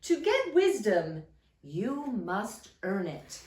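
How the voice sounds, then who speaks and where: A woman voicing a grand, demanding sky god in a trickster tale, speaking in a deliberate, commanding way. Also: medium pitch, big pitch swings, a little mellow. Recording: roomy, echoing, mic at a distance.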